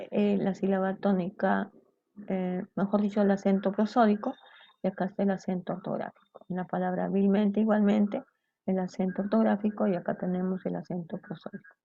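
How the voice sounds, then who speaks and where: A woman's voice: medium pitch, dry recording. A woman teaching a grammar lesson to students, explaining step by step and often checking in with them. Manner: explanatory, checks in with "¿cierto?" and "¿bien?". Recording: dull lo-fi sound.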